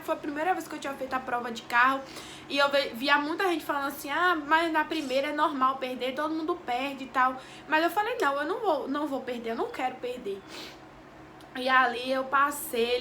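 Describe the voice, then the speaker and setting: High, bright-voiced devout woman vlogger. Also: a little hiss or hum. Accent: Bahian Brazilian Portuguese. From Brazil. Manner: heartfelt, devout, repeats phrases. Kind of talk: emotional personal testimony.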